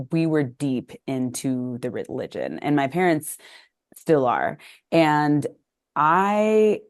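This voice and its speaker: A woman's voice: deep voice, a little mellow. A woman from Texas, a podcast guest and business coach, telling her life story in a chatty, reflective way. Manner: chatty, reflective, uses "like" often. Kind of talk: casual interview storytelling.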